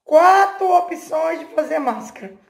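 Very high and gravelly, her voice has lively intonation and moves a little slowly. She is a craft channel host at home indoors, giving a casual hands-on tutorial: chatting while her hands work, explaining a home craft step by step, and asking the viewer questions.

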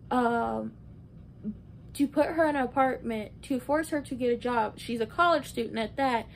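A woman in her early twenties gives casual, opinionated, emphatic recap commentary, talking conversationally like a video blogger. She's indoors in a small bedroom, and the room is noisy with a low rumble.

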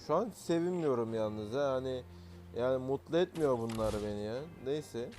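A man's voice: mid-range voice, animated, normal speed, music in the background. A man hosting casual gameplay commentary, talking in an exasperated, grumbling and slangy way while he plays. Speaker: gaming channel host.

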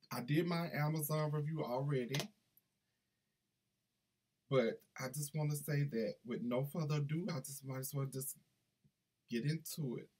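A middle-aged man chatting enthusiastically through a casual book review vlog, recorded at his desk on a webcam in a small room. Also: fairly high pitch. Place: small indoor room with banners.

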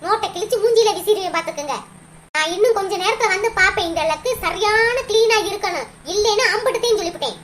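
A woman's voice: very high voice, quick pace. A woman voicing a bossy village work supervisor who scolds and threatens the workers. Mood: scolding. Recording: noisy cartoon audio.

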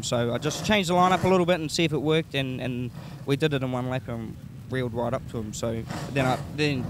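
A man with a broad New Zealand accent, a racing driver chatting casually in a post-race interview. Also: medium pitch. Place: outdoors in speedway pits. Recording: noisy outdoor pits, vehicles behind.

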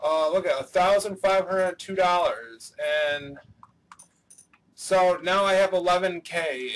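A young man with a high, light voice talks loosely over his gameplay, swearing freely and breaking into excited outbursts. His pace is unhurried, and the sound comes through a webcam microphone rather than a proper mic. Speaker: gaming channel host. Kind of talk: casual gameplay commentary.

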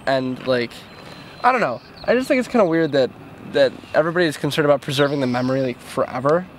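A man's voice: a little high, animated, quick pace, low-quality recording. A young man joking and rambling with friends at an outdoor overlook, with lots of "like" fillers. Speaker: friend on a sightseeing trip. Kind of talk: casual chat among friends. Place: outdoors at a scenic overlook by a bridge. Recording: loud outdoor traffic and wind noise.

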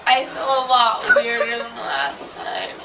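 Groggy, high-voiced young woman. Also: huge pitch swings, slow. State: groggy after anesthesia. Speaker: patient. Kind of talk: casual chat. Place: small hospital room. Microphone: camera a few feet away. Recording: noisy phone video from a distance.

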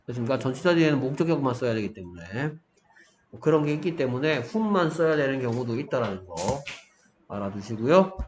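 A man's voice: medium pitch, animated, a little fast, a little mellow. A man teaching English grammar in a lecture, often stopping to check that students follow and answering his own questions. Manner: keeps checking in with students, asks and answers himself. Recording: echoey room, faint background noise.

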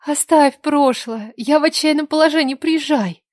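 A woman's voice: high-pitched, normal speed, darkish tone, no echo, clean studio sound, voice pushed up, natural voice. Woman voicing a pleading, tearful young mother. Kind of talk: audiobook character voice.

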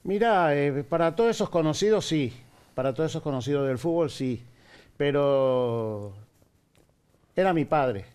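An older man raised in Venezuela, a guest on a TV studio talk show, answering in a modest, measured way and repeating his phrases. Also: a little high, expressive, a little mellow, clean tone. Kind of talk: casual interview answers. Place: TV studio set.

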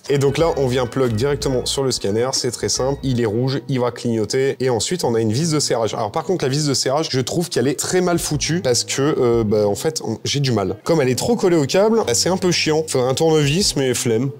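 A young man presenting a casual product review, animated and joking, with slangy asides. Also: medium pitch, a little fast, hardly any pauses, soft background music. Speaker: tech reviewer.

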